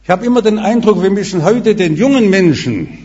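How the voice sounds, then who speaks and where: Emphatic preacher, high voice, long hall echo. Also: male voice, expressive, brisk, dark tone. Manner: emphatic, varies volume and pace widely. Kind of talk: sermon. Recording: dull reverberant hall recording.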